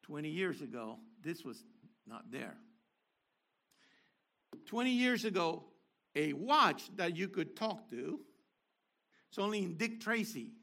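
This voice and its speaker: A man's voice: on the high side, very animated, slow pace, vocal fry, pauses often, sharp tone. An older man teaching a sermon, explaining Hebrew words with emphatic bursts. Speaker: Messianic teacher.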